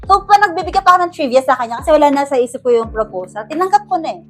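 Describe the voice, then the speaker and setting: High-voiced Filipino woman telling a story. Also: very fast, soft background music. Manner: animated, acts out her own quoted lines. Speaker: bride-to-be telling her proposal story. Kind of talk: casual storytelling.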